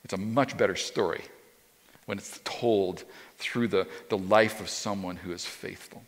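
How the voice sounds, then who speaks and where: This fifties-aged pastor's voice sits low, with fairly even intonation and a slightly slow delivery. He preaches conversationally from a church stage backed by a drum kit, restarting often and repeating words, while the hall's long reverb lingers.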